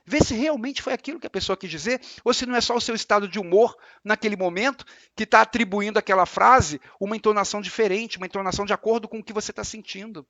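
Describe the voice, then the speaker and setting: Higher-voiced Brazilian man giving a spiritual lecture. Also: fast, few pauses, no room sound, muffled recording. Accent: Brazilian Portuguese. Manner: calm explanatory teaching, repeats points with examples. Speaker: religious lecturer.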